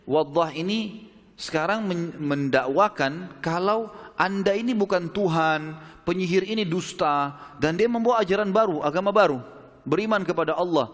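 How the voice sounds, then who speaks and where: An alarmed palace soldier rushing his report to the king in a raised voice, as a male preacher puts him on. The higher pitch makes him sound pressed. A long hall reverb follows every phrase. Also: natural voice. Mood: urgent.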